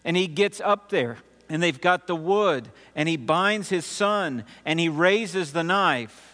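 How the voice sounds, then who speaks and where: A man preaching a sermon as pastor, measured, with emphatic pauses between phrases. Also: a little high, expressive, pushed and bright. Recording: long reverb with mains hum.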